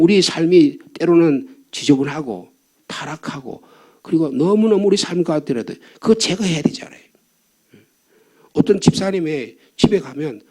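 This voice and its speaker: A man's voice: on the high side, mellow, husky. An older man preaching a fervent dawn sermon as pastor, asking the congregation questions and repeating key points. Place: church sanctuary.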